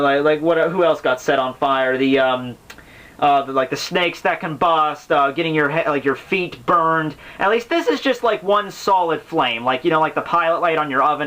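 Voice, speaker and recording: Here the man's voice sits on the high side, bright and forceful. He hosts a book summary series, explaining things off the cuff in a rambling, slangy way and playing up his exasperation.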